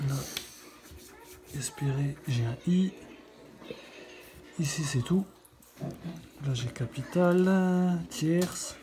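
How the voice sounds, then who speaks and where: Low mellow-voiced woman vlogger. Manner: chatty, thinks aloud, checks letters one by one. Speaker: scratch-card video host. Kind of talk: casual running commentary while scratching.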